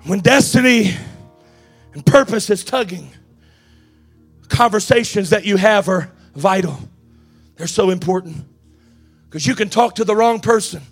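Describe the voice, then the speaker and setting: A man preaching a Pentecostal-style church sermon in an impassioned, declamatory way, often shouting and repeating phrases for emphasis. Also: sits high, unhurried, pauses often, faint music behind. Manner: emphatic repetition for effect.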